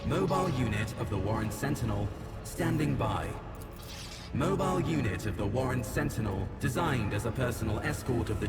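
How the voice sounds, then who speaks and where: Booming metallic guardian machine. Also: male voice, gravelly. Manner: flat clipped machine protocol reports. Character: cold formal machine guardian, male, ancient skull drone. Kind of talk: video game dialogue. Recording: echoey hall, far off, loud game music.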